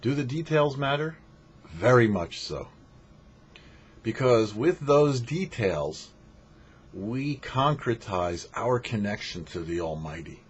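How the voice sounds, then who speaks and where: This rabbi, host of a weekly Torah portion show, teaches a short religious lesson in an emphatic, didactic way, posing rhetorical questions. He speaks slowly with an expressive, medium-pitched voice, captured in dull lo-fi audio with faint noise.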